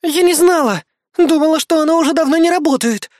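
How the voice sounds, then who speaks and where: A reader voicing an excitable, clumsy young woman who acts like a child, in a dry, close audiobook reading. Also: high voice, brisk, dry recording, voice pushed up, close to an everyday voice. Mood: guilty.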